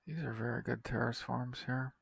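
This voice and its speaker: Gravelly-voiced man grumbling through a strategy game. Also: mid-range voice, fairly even intonation, moderate pace, no room sound. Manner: frustrated, swearing, muttering to himself. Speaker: gaming video creator.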